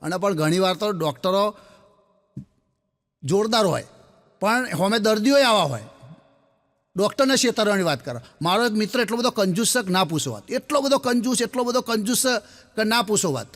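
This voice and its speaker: A man telling a string of jokes as a stand-up comedian, chatty and laughing, dropping his voice low for the people in his stories. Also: lively intonation, normal speed, pauses often, fairly bright tone, big-room sound. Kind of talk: Gujarati joke-telling monologue.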